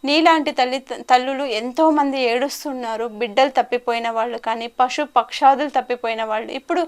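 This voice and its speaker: A woman who works as a life coach recounts stories during an interview, her smooth, high voice moving a little quickly. She's a lively storyteller who performs the quoted dialogue.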